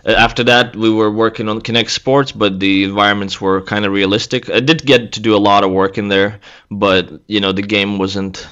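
A man in his thirties from Latvia, a guest artist chatting casually in an interview, relaxed and laughing easily. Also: on the low side, moderate pace, few pauses, smooth, dull audio. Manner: relaxed, laughs easily, speaks in loose restarts. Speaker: guest, senior environment artist.

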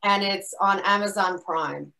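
A woman filmmaker on a video call answers questions in an easygoing way, with a voice of middling pitch. She often stops and restarts her sentences and keeps adding "you know.". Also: unhurried, vocal fry, pushed and bright, low-quality recording. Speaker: filmmaker guest speaker. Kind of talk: casual Q&A talk.

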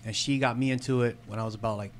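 A man in his thirties, a podcast guest from San Diego, talking about his life in a relaxed, unhurried way with fillers, into a studio mic. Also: medium pitch, a little hiss or hum. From San Diego, California. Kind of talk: casual podcast chat. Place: small studio with red curtains. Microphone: studio mic on boom arm, headphones.

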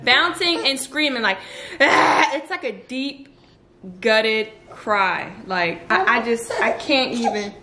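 A woman's voice: on the high side, slow, bright, forceful tone. A woman, a stay-at-home mom, chatting candidly to camera in her home kitchen with lots of slang and laughter. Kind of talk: casual vlog chat to camera.

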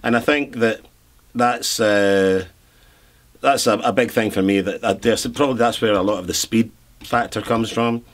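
A middle-aged man who produces and writes songs chats in a relaxed interview, rambling with lots of restarts and fillers. His voice sits lowish and moves at a moderate pace.

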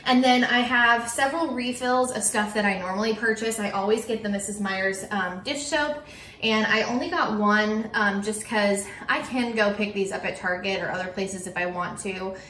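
A woman's voice: medium pitch, moderate pace, sharp tone, roomy sound, far from the mic, a little hiss or hum. A young woman talking casually to camera at her kitchen table about her cleaning products, chatty and full of "um" and "like". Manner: chatty, with frequent "um" and "like". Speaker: cleaning vlogger and teacher. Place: kitchen table at home, indoors.

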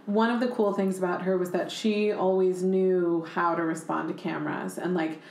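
A young woman podcast host chatting casually, animated and swearing freely, with "like" in nearly every sentence. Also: fairly low pitch, moderate pace. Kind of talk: casual chat. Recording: roomy echo.

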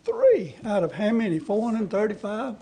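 Speaking into a gooseneck podium microphone in a large hearing room full of seated people, a citizen activist aged 70 or older gives rambling, folksy testimony to a legislative committee and keeps checking in with his audience. His high voice swoops wildly in pitch at a moderate pace and is gravelly and warm with a breathy edge.

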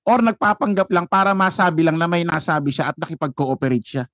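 A man's voice: a little high, quick pace, noisy background. A Filipino man giving a casual, mocking commentary on a live stream, laughing often and mimicking chants. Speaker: vlogger commenting on a rally.

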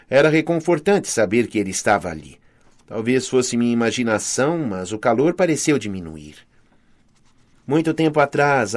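A man with a Brazilian Portuguese accent narrating a first-person fantasy audiobook in a dramatic, expressive reading. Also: mid-range voice.

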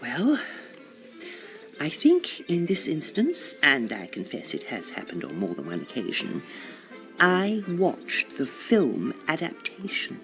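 A woman's voice: low voice, wildly swooping pitch, takes it slowly, fairly bright tone, soft background music, heavily acted. An actress playing a prim, theatrical woman who confides a guilty secret in a radio drama. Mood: confiding.

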